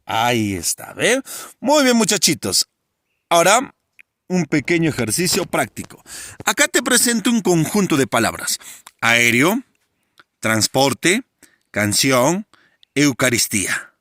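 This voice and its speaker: A male teacher giving a grammar lesson, often asking his students questions and drawing out key words slowly. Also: a little high, no echo, studio quality. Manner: animated, asks students frequent questions.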